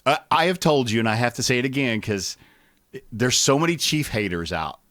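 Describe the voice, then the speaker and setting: A man in a middle-pitched voice co-hosts a radio show, teasing his partner and asking lots of questions. He agrees easily and keeps the chat moving. The sound is close and dry, with no room around it. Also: very animated, brisk, a bit bright, no room sound. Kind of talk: casual chat.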